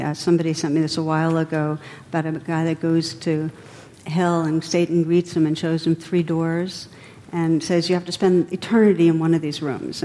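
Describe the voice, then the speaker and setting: Reflective woman giving a dharma talk. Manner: reflective, gently meandering. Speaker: meditation teacher. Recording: reverberant hall with faint rumble.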